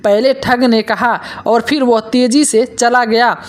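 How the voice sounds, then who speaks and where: A woman reading a folk tale aloud in a steady, plain storytelling manner. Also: fairly high pitch, slow. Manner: steady, plain reading with quoted dialogue read in. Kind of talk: scripted story narration.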